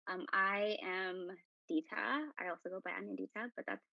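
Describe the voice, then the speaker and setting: A woman's voice: medium pitch, normal speed, creaky, no echo, dull audio. A woman from Indonesia who works in university admissions, presenting to prospective students in a friendly, informative way.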